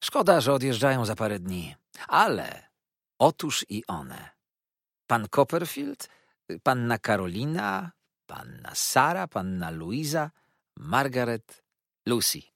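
A man's voice: medium pitch, wildly swooping pitch, slow pace, vocal fry, pauses often, a bit bright, no echo, studio quality, heavily acted. A man reading an audiobook, voicing a cheerful young male lawyer who rambles eagerly about his new marriage. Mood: effusive.

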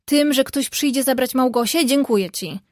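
A woman voices a spirited, quick-tempered young woman from a storybook. She talks in a lively, outspoken way. The voice sits fairly high and the recording is dry and close. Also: dry recording, natural voice.

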